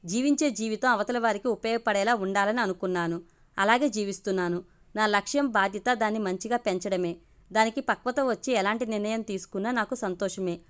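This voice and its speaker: A woman's voice: medium pitch, a little fast, clean tone, close to an everyday voice. A woman voicing a devoted single mother who speaks firmly and earnestly, in an audio storybook. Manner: firm, earnest.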